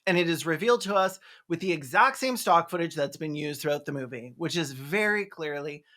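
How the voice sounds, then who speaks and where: A brisk, expressive mid-range voice with a fairly bright tone belongs to a video essayist and film reviewer. The movie recap is scripted and delivered with sarcasm, mockery and some swearing.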